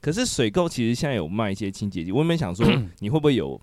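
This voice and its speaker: A man's voice: on the low side, sing-song, rapid-fire, darkish tone, no echo. A man hosting a podcast, chatting casually and asking lots of follow-up questions. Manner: curious, asks many follow-up questions. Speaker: podcast host. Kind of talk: casual interview chat.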